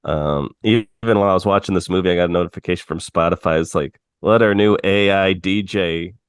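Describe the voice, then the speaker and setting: A man with a very deep, smooth voice co-hosts a film podcast. He chats casually, scatters filler likes through his sentences, and sounds close and dry on the mic. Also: fairly quick, no room sound. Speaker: podcast co-host. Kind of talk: podcast conversation.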